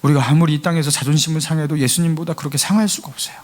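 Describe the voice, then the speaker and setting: A man with a slightly high voice and fairly even intonation races through a Sunday sermon in a church sanctuary. The pastor is earnest and pleading, mimicking the mocking voices of scoffers as he builds toward fervent emphasis.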